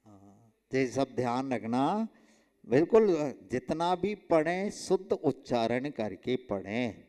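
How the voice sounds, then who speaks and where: A man, a monk, teaching a religious class in a slow, emphatic way, repeating examples and putting questions to his students. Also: mid-range voice, sing-song, dark tone. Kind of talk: explanatory religious lesson. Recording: long hall reverb.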